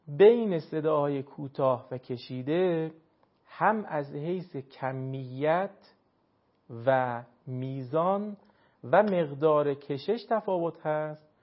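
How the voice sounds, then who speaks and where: A Quran recitation teacher with a fairly high voice walks through a reading lesson step by step, measured and deliberate. When emphasizing a point he slows and lengthens key words, and the audio is muffled and low-fidelity.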